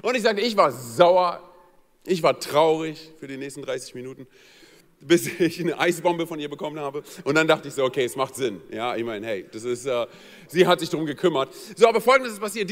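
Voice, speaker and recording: Speaking a little fast with a fairly high pitch, a pastor tells a funny story from his own life as part of a sermon. He mimics the voices of the people in it in a lively, playful way, and long church hall reverb surrounds him.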